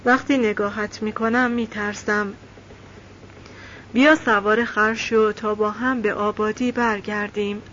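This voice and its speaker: A woman's voice: mid-range voice, fairly even intonation, a bit bright, highs cut off, slight background noise, close to an everyday voice. A woman reading aloud and voicing an anxious young village man who pleads with his friend. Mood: worried pleading.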